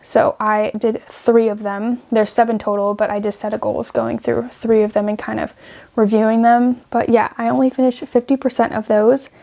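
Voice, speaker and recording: A young woman talks her way through her weekly plans in a loose, chatty vlog, thinking aloud as she types. Her voice sits a little high but has a soft, mellow color. She sounds relaxed and unscripted, recorded at her desk. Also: normal speed, gravelly. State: out of breath. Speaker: vlogger. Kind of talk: casual planning vlog with screen recording.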